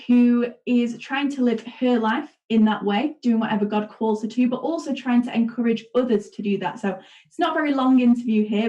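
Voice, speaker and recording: A woman with a fairly high voice co-hosts a casual online faith chat, speaking warmly and conversationally with plenty of "like" and "you know" as fillers. The recording quality is low.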